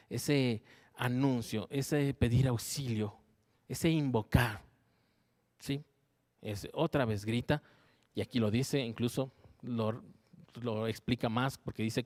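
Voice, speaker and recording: A man preaching a Bible study at an ordinary, middle pitch. He reads verses aloud and unpacks them, stopping again and again to ask his listeners whether they follow. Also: darkish tone. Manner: checks in with listeners with a frequent questioning "¿sí?".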